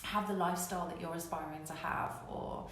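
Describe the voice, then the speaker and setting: Speaking fairly quickly in a steady, fairly low voice with a fairly bright tone, a woman coaches online viewers candidly during her live business show. She drives points home by emphatically repeating phrases. Faint noise and a very echoey room color the audio.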